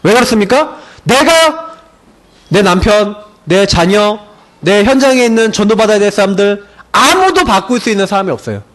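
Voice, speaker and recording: A young man preaching an afternoon sermon as pastor. He acts out dialogue with friends and stretches key words slowly for emphasis. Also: sits high, expressive, a bit bright.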